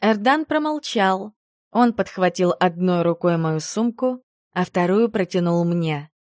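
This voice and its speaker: A woman narrating a first-person audiobook in an expressive manner. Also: lowish voice, unhurried, no echo, clean studio sound.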